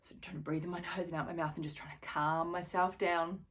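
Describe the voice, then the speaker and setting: A woman's voice: lowish voice, fairly even intonation, quick pace. A woman in her thirties telling a story in a chatty, rambling vlog with many fillers and restarts. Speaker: fitness vlogger.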